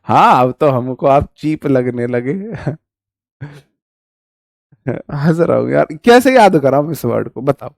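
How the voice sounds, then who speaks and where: A man's voice: mid-range voice, lively intonation, normal speed, vocal fry, no room sound, clean studio sound. A man teaching vocabulary in a live online lesson, chatty and joking, calling his viewers brother.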